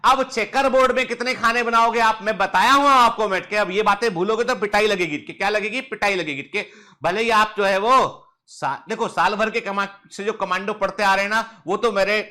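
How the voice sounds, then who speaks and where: A man's voice: sits high, moderate pace, sharp tone. A man teaching biology in an online lecture, drilling his students with repeated questions and playful scolding. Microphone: touchscreen device close up.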